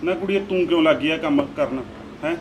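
A man's voice: on the high side, darkish tone, a little hiss or hum, close to an everyday voice. An actor playing a protective brother who insists on buying gifts for his sister and argues with his wife. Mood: insistent. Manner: insistent and quick to anger. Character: hot-tempered loving brother, a village husband.

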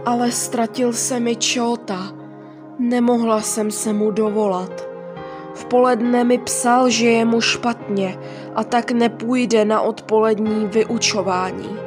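A woman's voice: a little high, steady tone, music in the background, lightly acted. A woman reading the part of a tearful, worried mother who whimpers apologies.

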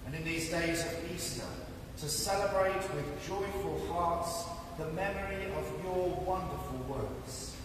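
A man leading a liturgical prayer as priest, intoning slowly and solemnly, his voice ringing with cathedral echo. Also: high-pitched. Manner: slow, solemn, measured intoning. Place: large church. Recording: echoey church recorded from far off.

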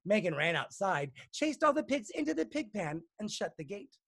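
Brief: male teacher reading a picture book to kids, expressive, pitch rising and falling a lot. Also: moderate pace, creaky. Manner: lively, expressive, playful. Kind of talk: storybook read-aloud.

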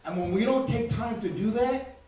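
A man preaching a sermon as pastor, moving between quiet talk and shouted preaching. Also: extremely high pitch, normal speed, slight background noise. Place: church. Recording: echoey church room, mic far off.

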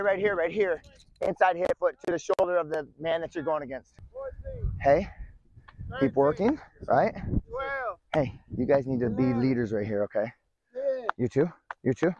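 A man coaching football at an outdoor practice, commanding and encouraging, often shouting, recorded on a wireless body mic. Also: fairly high pitch, normal speed, long pauses, muffled recording.

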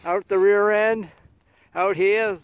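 A man's voice: high voice, steady tone, takes it slowly, clear, resonant tone, no room sound. A middle-aged man, a metal detecting vlogger, chatting and joking outdoors in a farm field. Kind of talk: casual outdoor commentary and storytelling.

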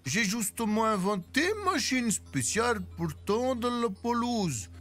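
A storyteller voicing a polite male inventor speaking through a hologram, with a Russian accent and slow, formal speech. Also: mid-range voice, a bit bright.

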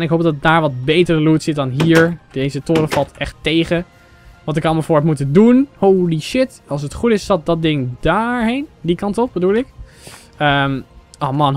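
Excitable high-voiced young gamer man. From Netherlands. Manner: excitable, exclaims in English, chats to viewers. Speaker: gaming channel host. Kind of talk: Minecraft let's play commentary. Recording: faint game music behind.

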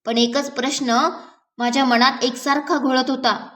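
A woman with a high, light voice reads a novel aloud. Her delivery is measured and gentle, paced for storytelling. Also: little pitch movement, distant mic. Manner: measured, gentle storytelling with small slips and restarts. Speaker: audiobook reader.

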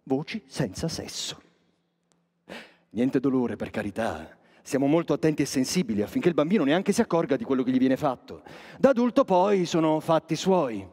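An actor playing a sly, cynical chapel master, speaking a theatrical monologue straight to the audience in a sardonic, declamatory manner. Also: male voice, medium pitch, big pitch swings, fairly quick, warm tone. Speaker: stage actor. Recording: long reverb of a stage hall.

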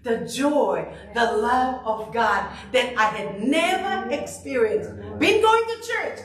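A middle-aged woman from Tonga preaching a sermon into a handheld mic in a church sanctuary, animated and emphatic, often repeating herself. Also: fairly high pitch, takes it slowly. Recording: echoey hall, far from the camera.

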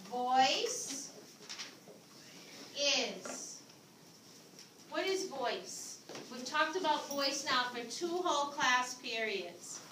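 A woman's voice: high voice, animated, very slow, long pauses. A woman teaching a class as a visiting teacher, patiently prompting students to repeat her words, in a school classroom. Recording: echoey classroom from far off, noisy.

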